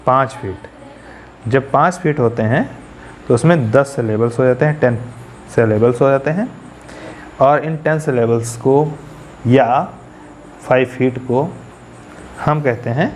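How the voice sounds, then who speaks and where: In a poetry lecture, a male English teacher keeps returning to key terms and quizzes his students along the way. He speaks in a mid-range voice over slight background noise.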